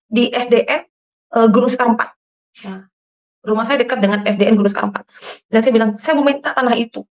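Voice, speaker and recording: Middle-aged woman from madura telling her faith story, emotional, kinda gravelly, muffled audio. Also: a little high. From Madura, Indonesia. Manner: emotional, addresses listeners as "saudara". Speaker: testimony speaker. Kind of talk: personal faith testimony. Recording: dull lo-fi recording.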